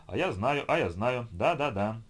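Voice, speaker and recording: A man voicing a manic, insane young man who rants gibberish and prophecies in a high, loud voice. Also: lively intonation, normal speed, natural voice. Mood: ecstatic chanting. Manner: grandiose, then whining and hysterical.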